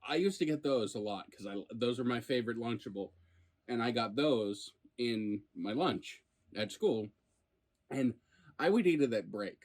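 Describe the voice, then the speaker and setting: A man's voice: medium pitch, unhurried. A man hosting a food review in casual chat, probing with playfully incredulous questions. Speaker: food review show host.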